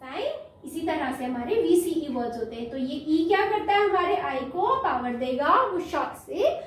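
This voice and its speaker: A woman's voice: high-pitched, expressive, recorded from a distance. A woman teaching a phonics lesson to young children, patiently sounding out letters and words. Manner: patient, sounds out letters slowly, calls listeners "beta". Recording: echoey room, voice from off-mic.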